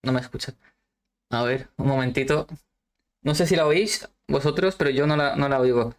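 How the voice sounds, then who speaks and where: A woman with a rumbling low voice, speaking at normal speed, hosts a casual interview over a video call. She's friendly and chatty, affirming her guest often.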